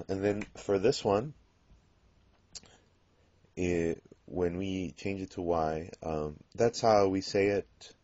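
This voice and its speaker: A man teaching a Spanish grammar lesson, explaining patiently and pausing on fillers as he works through examples. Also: low-pitched, darkish tone, no echo. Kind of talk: classroom grammar lecture. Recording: dull lo-fi classroom recording.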